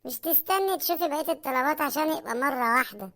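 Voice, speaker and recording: A fast-talking cartoon husband, voiced by a woman grumbles about prices and pleads for a proper meal in Egyptian Arabic. The voice sits fairly high and the delivery is whiny and complaining. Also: fairly bright tone. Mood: grumbling. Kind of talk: cartoon comedy voice acting.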